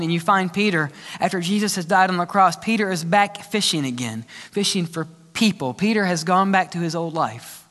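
Pastor guy preaching, high bright voice, big echoey church sound. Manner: animated preaching with questions to the congregation. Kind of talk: sermon.

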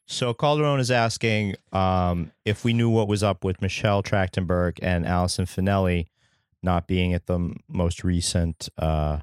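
A man's voice: low voice, steady tone, normal speed, clear, resonant tone, no echo. Wisecracking man in his forties, dry close mic. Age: 40s. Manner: wisecracking, interrupting. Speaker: podcast co-host. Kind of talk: casual banter.

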